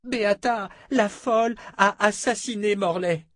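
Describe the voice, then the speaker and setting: A man's voice: high voice, moderate pace, darkish tone, no echo, pitched above the performer's own voice. A man voicing a frightened, whiny young male thief who pleads and panics, close to tears. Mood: panicked pleading.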